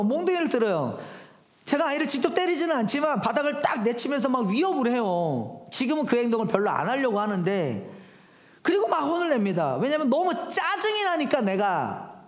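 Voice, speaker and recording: Animated high-voiced male pastor. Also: echoey room. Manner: animated storytelling, addressing the congregation directly. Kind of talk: sermon. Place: church hall.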